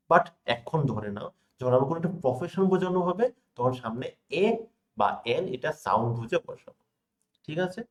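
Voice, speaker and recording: A young man from India teaches a grammar lesson at an ordinary, middle pitch. He leans on key words, drags out the example sentences, and keeps checking in with rhetorical questions to his students. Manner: stresses words, reads example sentences slowly. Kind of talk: classroom lesson explaining examples.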